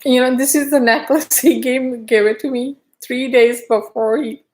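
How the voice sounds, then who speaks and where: A middle-aged woman chatting casually on a livestream, greeting viewers by name and talking haltingly with restarts. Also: high-pitched, steady tone, rough recording. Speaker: livestream host.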